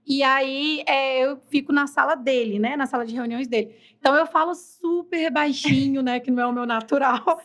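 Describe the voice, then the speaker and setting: A Brazilian woman with a voice a bit above average pitch tells personal stories in a podcast studio. She is animated and acts out both sides of conversations, dropping in quick asides. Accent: Brazilian Portuguese. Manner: animated storyteller acting out dialogue, quick asides. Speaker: guest, HR executive. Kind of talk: testimony in casual podcast talk.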